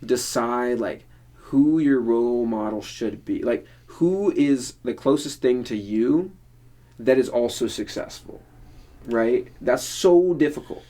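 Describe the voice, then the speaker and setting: A young man chatting casually as a podcast co-host. He rambles, circling his point with a steady stream of fillers. His voice sits at an ordinary middle pitch. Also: takes it slowly. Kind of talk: casual chat.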